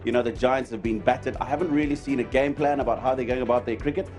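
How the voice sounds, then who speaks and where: A man giving relaxed cricket opinions as a pundit, repeating words as he talks. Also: mid-range voice, quick pace, faint music behind. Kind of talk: live pundit chat.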